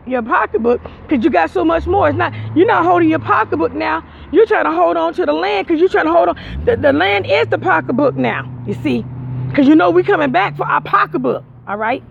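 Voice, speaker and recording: High-voiced man with a really gravelly voice, preachy and repeating himself, outside on a dull lo-fi recording. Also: animated, a little fast, a little hiss or hum. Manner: emphatic, repetitive, preachy. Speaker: vlogger. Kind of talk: casual heartfelt monologue to viewers.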